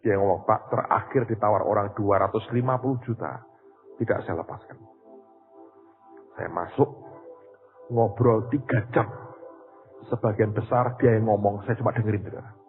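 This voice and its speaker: A man preaching a sermon in with a tinge, telling a story and swinging between hushed asides and loud cries. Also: medium pitch. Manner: animated, swings from quiet to loud cries, addresses audience as "saudara". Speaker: pastor. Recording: tinny lo-fi recording in a reverberant hall.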